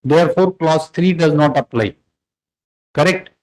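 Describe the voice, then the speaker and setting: A man's voice: on the high side, a little slow, darkish tone, poor audio. A man with an Indian accent speaking as a judge, questioning and instructing from the bench with authority. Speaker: judge presiding over a court hearing. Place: courtroom, live-streamed hearing.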